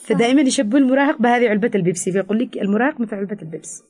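A woman with a Yemeni Arabic accent, a counselor explaining things in an interview, fast with frequent hesitations. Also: a little high, darkish tone, slightly rough. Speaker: teen counselor. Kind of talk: expert interview answers.

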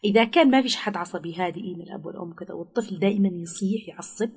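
A woman's voice: lowish voice, rapid-fire, darkish tone, breathy edge. A woman giving parenting advice in an interview, explaining patiently and acting out what parents might say to a child.

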